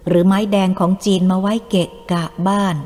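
A woman's voice: medium pitch, level tone, normal speed, warm tone, natural voice. A woman voicing an elderly mother who scolds her grown son but is fond and teasing, in an echoey room with faint music behind. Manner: scolding then playful, motherly.

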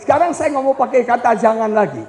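A man preaching a lively sermon at a church retreat, animated and joking with the congregation as he acts out quotes. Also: very high voice, quick pace, a faint crowd. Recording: echoey hall reverb.

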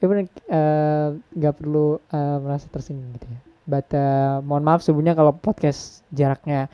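A man hosting a casual podcast, relaxed and mixing English phrases into his talk. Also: fairly high pitch, moderate pace, clean tone, dry recording, highs cut off. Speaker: podcast host.

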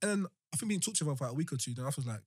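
Young male, London roadman accent, husky and fast, dry sound, casual slang. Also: a little high, expressive, darkish tone, no echo. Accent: London, multicultural urban slang. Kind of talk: casual group chat.

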